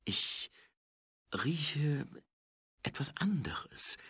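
A man reading a guarded young woman sergeant in a storybook, quiet and hesitant. The voice stays husky and bright, with a wide, lively pitch. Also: moderate pace, dry recording, studio quality, exaggerated voice. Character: guarded young female watch sergeant, werewolf.

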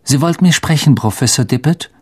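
Man doing a polite teen schoolboy voice, earnest and respectful, bit higher, husky edge. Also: a little fast, a little mellow, no echo, studio quality. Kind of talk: audiobook character voice.

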